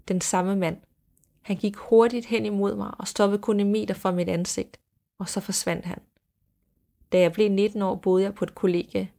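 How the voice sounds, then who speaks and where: A woman hosting a storytelling podcast reads eerie accounts aloud at a measured, hushed pace. Her voice sits at an ordinary pitch for a woman but carries a steady gravelly fry. At times she drops to a soft whisper. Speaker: podcast host.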